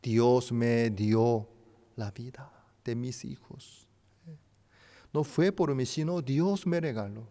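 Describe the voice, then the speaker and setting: A man preaching a sermon as pastor, a non-native speaker of Spanish with a native Korean background, swinging between loud emphatic rises and hushed soft drops. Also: medium pitch, slow pace, long pauses. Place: church sanctuary. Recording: church hall with long reverb.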